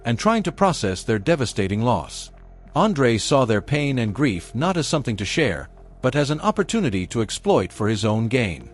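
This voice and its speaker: A male true crime narrator delivers a scripted story with lively, swinging intonation. He tells it dramatically, punching short phrases for emphasis. His mid-pitched voice sits over a music bed. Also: slightly rough.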